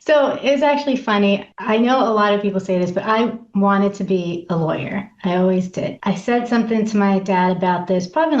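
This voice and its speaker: A woman's voice: mid-range voice, darkish tone, roomy sound, lo-fi sound. Chatty middle-aged woman from New York. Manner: quick, chatty, laughs easily. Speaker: guest, patent consultant. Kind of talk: conversational interview.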